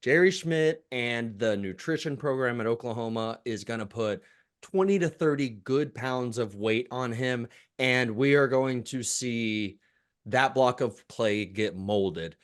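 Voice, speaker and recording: A man's voice: mid-range voice, unhurried. A man co-hosting a sports podcast, chatting casually and animatedly about college football recruiting. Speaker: podcast co-host.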